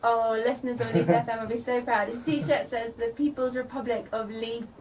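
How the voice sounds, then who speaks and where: A woman's voice: a little high, steady tone, moderate pace, darkish tone, far from the mic, slight background noise, rough recording. A woman hosting a radio hip hop show, chatty and upbeat as she interviews a guest in the studio. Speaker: radio host.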